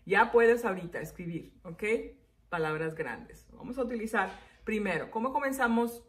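A woman's voice: mid-range voice, normal speed. A woman teacher giving a children's spelling lesson. She repeats each word and its syllables and keeps checking in with "ok?".

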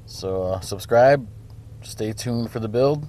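A man's voice: on the low side, slow, dark tone. A young man from Wisconsin giving a rambling, laid-back walkaround of his pickup truck, filmed outdoors on a phone, full of fillers. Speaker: vlogger showing his truck. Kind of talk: casual walkaround vlog.

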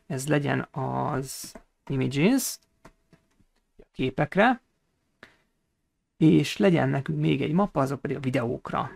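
A man teaching a coding tutorial over a screen recording, explaining each step and pausing often on hesitation sounds. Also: mid-range voice, gravelly, no room sound. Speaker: programming instructor.

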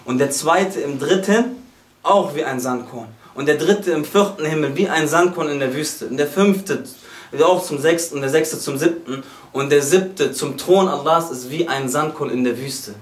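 A man's voice: fairly high pitch, normal speed. A man preaching a sermon to a gathered audience, fervent and emphatic, often calling out exclamations and restarting his sentences. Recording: roomy echo.

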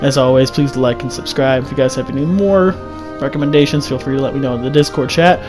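Reading lore narration over gameplay at a quick pace, a young man with a medium-pitched voice sounds sick and scratchy-throated and frequently trips over words. Music plays in the background.

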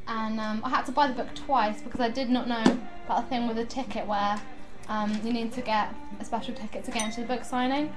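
Giggly excitable high-voiced woman. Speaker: vlogger. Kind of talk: casual chatty vlog.

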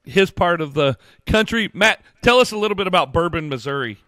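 A man co-hosts a podcast with a friendly, loose, rambling way of talking. His voice sits on the higher side. The sound is dry and close, with no room echo. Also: expressive, a little fast, sharp tone. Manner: friendly, rambling, announcing events. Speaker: podcast co-host. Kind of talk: casual podcast chat.

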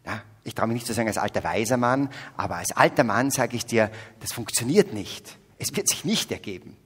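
Older austrian guy from salzburg giving a faith talk, husky, jokey, big reverb hall. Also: mid-range voice, expressive, a little fast. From Salzburg region, Austria. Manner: swings between loud exclamations and hushed whispers; humorous, addresses audience directly. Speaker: speaker at a faith festival. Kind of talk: spiritual talk to young adults.

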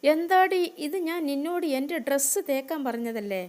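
Woman doing a spiteful, shouting young woman. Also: a little high, moderate pace, lightly acted. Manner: scolding, shouting insults. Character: spiteful young woman, sharp-tongued and bullying.

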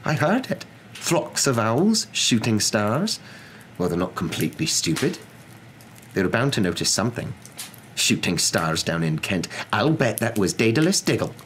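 A man's voice: lowish voice, big pitch swings, normal speed, a bit bright, voice pushed up. A man voicing a stern, irritable older witch professor in a storybook reading, with a clipped, exasperated manner. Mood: impatient, irritated. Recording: clear background noise.

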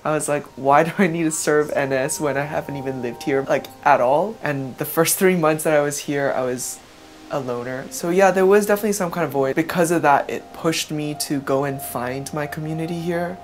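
A man's voice: on the high side, faint music behind. A man in his twenties from Hong Kong, a singer-songwriter speaking candidly and wryly in a documentary interview. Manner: candid, wry, brisk.

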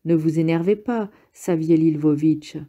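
A woman's voice: low voice, unhurried, dark tone. A woman voicing a blunt, exasperated younger male partisan in an audiobook reading. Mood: curt, weary. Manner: curt, exasperated.

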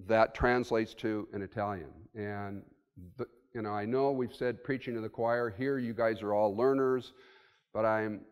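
A clear, resonant, lowish voice with a darkish tone belongs to a man in his sixties giving a keynote at a podium. Conversational and thinking aloud with fillers, he addresses an audience in a hotel conference room, captured on a podium mic amid long hall reverb.

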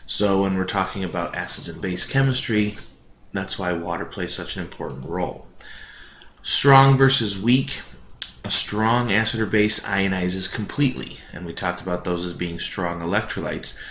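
A man's voice: deep voice, normal speed, fairly bright tone. A man teaching a recorded chemistry lesson in an informal, explanatory way, his voice echoing as if in a cave. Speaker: high school chemistry teacher. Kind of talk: recorded lesson narration, review lecture. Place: echoey room at home. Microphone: not his usual microphone, built-in or distant. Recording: echoey cave-like room, faint hiss, no proper microphone.

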